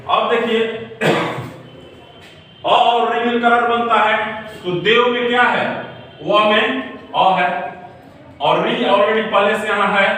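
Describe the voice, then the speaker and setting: A male teacher with a high voice, heard from some distance in a very echoey room with faint noise behind him. He talks slowly and answers his own questions as he leads an exam-prep class. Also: sharp tone. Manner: repeats questions and answers them himself, checking with "clear?".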